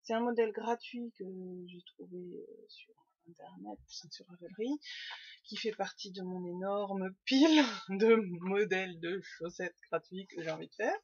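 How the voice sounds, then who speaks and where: A woman's voice: medium pitch, moderate pace, a little mellow, slightly rough, dry recording, dull audio. A woman hosting a knitting podcast, chatting casually to her webcam at home, rambling with lots of fillers and restarts. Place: home room.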